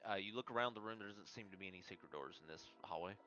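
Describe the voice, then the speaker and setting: A very deep-voiced man runs a tabletop game with a forceful tone. He narrates haltingly over faint music, on slightly dull audio. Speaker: game master.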